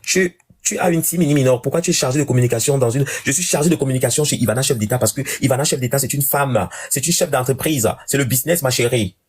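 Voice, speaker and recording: A man rants to his live-stream audience at a breakneck clip, doubling back on his own phrases. His voice has a husky, slightly raspy edge. It is casual, unscripted chat aimed at viewers. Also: medium pitch. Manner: rapid, animated ranting with repeated phrases.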